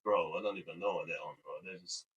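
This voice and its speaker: A man's voice: low-pitched, fairly even intonation, fast talker, a bit bright, slightly rough, lo-fi sound. A man, hosting a podcast in a casual, slangy, colloquial way. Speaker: podcast host.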